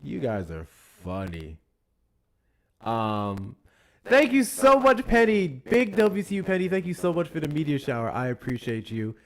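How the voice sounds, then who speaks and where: A man with a somewhat high voice and wildly swooping pitch hosts a live stream at a measured pace, giving casual commentary. He chats loosely with viewers, thanks them for gifts, and repeats himself as he goes.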